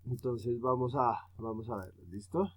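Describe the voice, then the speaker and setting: A man teaching a grammar lesson. He explains step by step, checks in with his students after nearly every point and stretches out the example words slowly. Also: mid-range voice, breathy edge. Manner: explains step by step, often checks with "¿cierto?" and "¿listo?".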